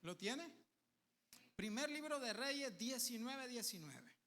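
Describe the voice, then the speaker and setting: A man preaching a sermon with emphatic bursts and quiet asides, calling the congregation to say amen. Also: very high-pitched, very animated, slow, long reverb tail. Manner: calls on the congregation for amens.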